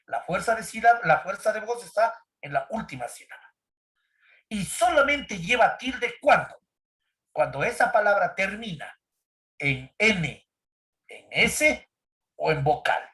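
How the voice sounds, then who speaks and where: A man's voice: high-pitched, very animated, a little slow, long pauses, fairly bright tone. A man teaching an online grammar class, constantly checking in with his students and quizzing them. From Ecuador. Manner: keeps checking in with "¿sí?" and questioning students.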